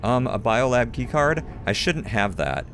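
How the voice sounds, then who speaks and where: A man's voice: mid-range voice, sing-song, a little slow, a little hiss or hum. A man hosting a let's play video, giving a chatty running commentary with self-mocking asides. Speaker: gaming video host. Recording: commentary over game audio with music.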